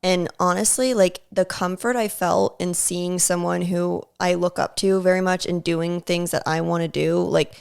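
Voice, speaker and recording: A young woman with a lowish voice and plenty of vocal fry speaks as a podcast guest. Her talk is casual and earnest, and she fills it with "like"s as she searches for words. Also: fairly even intonation, normal speed, few pauses. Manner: earnest, filler-heavy talk with many "like"s. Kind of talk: casual interview chat.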